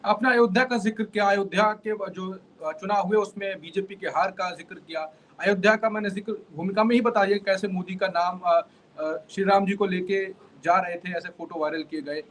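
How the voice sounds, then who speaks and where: A man's voice: high-pitched, fairly even intonation, moderate pace, a bit bright, a little hiss or hum, rough recording. A man hosting an interview, recapping the guest's points and then asking probing questions. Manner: probing, summarizes then asks. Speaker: interviewer host.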